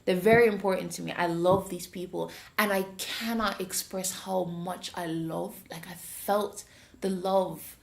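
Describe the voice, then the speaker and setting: A woman's voice: on the low side, unhurried, vocal fry. A woman with a Jamaican accent hosting a podcast, telling a story in casual chat and acting out the voices. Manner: animated, acts out voices when retelling. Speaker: podcast host. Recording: roomy echo.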